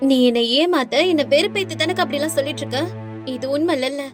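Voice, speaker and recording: Woman playing a spoiled city college girl, high and whiny. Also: quick pace, lightly acted. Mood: disbelieving. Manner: whiny, pleading, defiant. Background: music.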